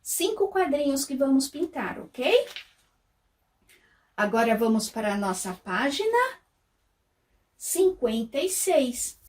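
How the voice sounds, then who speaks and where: A Brazilian kindergarten teacher with a Brazilian Portuguese accent speaks to small children in a high, sing-song, slightly mellow voice, slowly and with long pauses. Recorded from a distance, she stretches out her words and asks questions she then answers herself.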